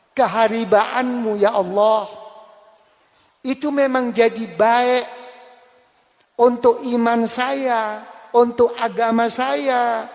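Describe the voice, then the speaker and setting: Slow, high-voiced preacher in a reverberant hall. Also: male voice. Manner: slow, emphatic preaching that drops low and soft to voice pleas and dialogue. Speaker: Islamic preacher. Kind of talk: sermon.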